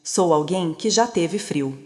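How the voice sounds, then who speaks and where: A woman voicing a composed young businesswoman who speaks calmly and with quiet, cutting resolve. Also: fairly low pitch. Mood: cold calm. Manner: calm, measured, quietly cutting. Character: composed young woman returned as rich CEO, coldly calm. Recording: long reverb.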